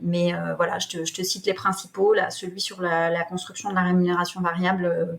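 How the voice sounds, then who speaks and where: Female guest, low gravelly voice, hesitant casual delivery. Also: flat delivery, fast talker. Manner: hesitant, many fillers. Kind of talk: casual interview conversation.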